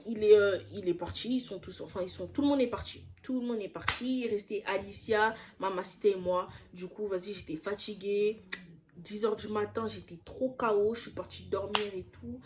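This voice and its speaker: Young woman with a fairly high voice ranting through a story time, slangy and fired up. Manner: slangy, heated storytelling with quick asides. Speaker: YouTuber telling a personal story.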